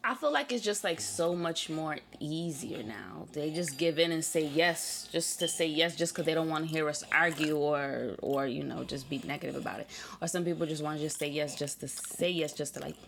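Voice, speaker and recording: A woman's voice: sits low, moderate pace, gravelly. A woman co-hosting a casual chat show, teasing and laughing as she talks. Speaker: podcast co-host.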